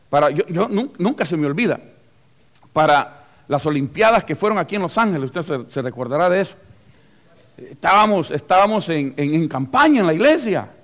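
In a church, a pastor with a high-sitting voice preaches a spirited sermon. He animates it by acting out short scenes and calling out questions to the congregation.

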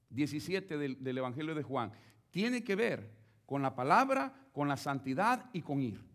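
Animated preacher. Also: male voice, a little high. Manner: animated, addresses listeners directly with rhetorical questions. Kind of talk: sermon.

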